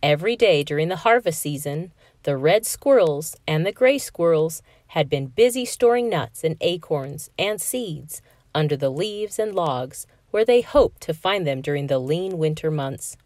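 A woman reading a children's picture book aloud in an expressive, sing-song storytelling manner. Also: sits low, a little slow, no room sound, clean studio sound.

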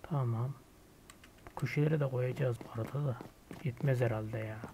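Man from Turkey, gameplay commentary, gravelly voice, mutters to himself while building. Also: mid-range voice, steady tone, normal speed, warm tone, slight background noise. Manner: thinks aloud while building, muttering and whispering asides to himself. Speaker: gaming YouTuber host.

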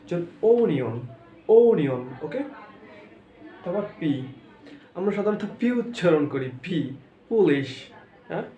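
A man whose first language is Bengali, teaching English letter sounds in a spoken lesson, repeating each sound and checking in with "okay?". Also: sits high. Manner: repeats each sound many times, asks "okay?" often. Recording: roomy, dull lo-fi sound with faint noise.

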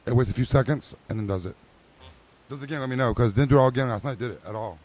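A man's voice: mid-range voice, racing, a little mellow. A man, a voice performer, chatting casually and rambling, stumbling and repeating words. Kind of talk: casual chat.

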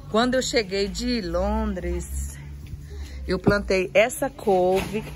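A woman's voice: medium pitch, noisy background. A woman giving a casual garden tour for her vlog outdoors, gushing over each plant and repeating her praise as she films on a handheld phone. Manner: effusive, admiring, repeats praise often.

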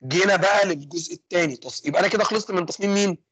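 A young man with an Egyptian accent teaching an engineering class online. He talks fast and keeps asking questions and then answering them himself. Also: sits high, fairly bright tone, husky, dry recording. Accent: Egyptian Arabic. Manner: fast, asks and answers his own questions. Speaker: engineering lecturer. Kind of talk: online lecture with student questions.

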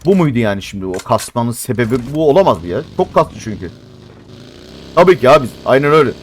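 A man's voice: medium pitch, sing-song, fast, a little hiss or hum. A man giving casual live commentary on a mobile shooter game, grumbling to himself and flaring into exasperated outbursts.

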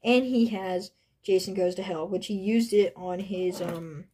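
A young woman showing off collectible figures and masks, gushing with excitement and often trailing off mid-sentence. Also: medium pitch, measured pace, slightly rough. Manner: gushing, breathless, trailing off and restarting. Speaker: toy collector vlogger. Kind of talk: excited unboxing vlog.

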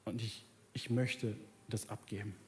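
His tone steady and his delivery unhurried, a thirties-aged pastor preaches earnestly from a big church stage, moving between quiet, low stretches and raised pleading before ending with a prayer. Gentle instrumental music runs beneath the sermon.

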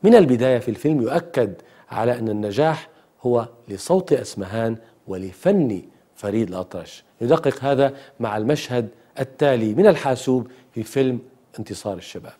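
Warm-voiced male music presenter. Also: medium pitch, expressive. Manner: measured, analytical, explanatory. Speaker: host and presenter. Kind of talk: scripted documentary narration.

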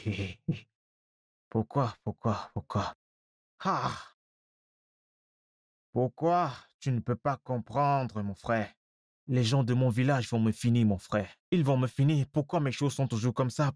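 A desperate young hustler, fed up and whining, in a somewhat high register. The dub is dry and close, with no room around it. He circles back over the same complaints again and again. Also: animated, quick pace, no echo. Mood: despairing. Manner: whining, desperate, repeats himself. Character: broke young man chasing rich women. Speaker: actor in a French-dubbed Nollywood film.

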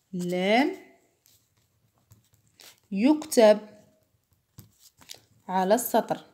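A woman teacher giving a slow, patient spelling lesson to children, repeating words carefully and checking that they understand. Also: medium pitch, darkish tone. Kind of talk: slow classroom explanation for children.

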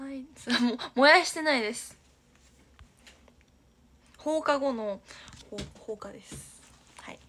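A woman's voice: sits high, measured pace, pauses often, a bit bright, a little hiss or hum. Chatty, giggly young woman streaming. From Aichi, Japan. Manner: chatty and giggly, often dropping to a near-whisper. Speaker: idol livestream host. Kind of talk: casual livestream chat reading viewer comments.

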